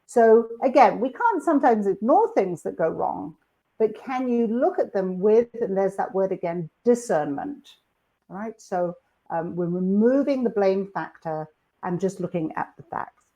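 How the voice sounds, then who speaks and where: A woman's voice: medium pitch, animated, a little slow, warm tone, dull audio. A woman presenting a live online workshop over a computer microphone, chatty and upbeat, with frequent fillers and restarts. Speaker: webinar presenter.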